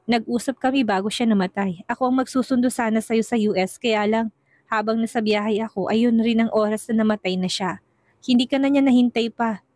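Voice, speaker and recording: A woman voicing a gentle, earnest young man who is in love, in a storybook reading. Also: on the high side, fairly even intonation, a little fast, dry recording, clean studio sound, close to an everyday voice. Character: tender lovesick young man. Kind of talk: storybook narration.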